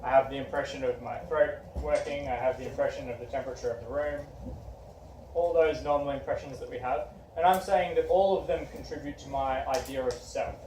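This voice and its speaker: A man's voice: mid-range voice, fairly even intonation, brisk, darkish tone. Young male teacher, encouraging, classroom talk, distant mic, faint background noise. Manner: encouraging, asks questions. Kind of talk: classroom discussion. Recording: echoey room from far off, faint background noise.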